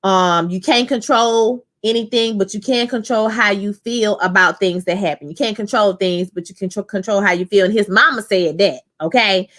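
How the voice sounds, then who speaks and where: Her voice sits in the mid range, moving at a normal speed with few pauses. A New Orleans-accented woman from Louisiana in her thirties, she reviews a TV episode on a live stream, bantering animatedly with viewers she calls "y'all."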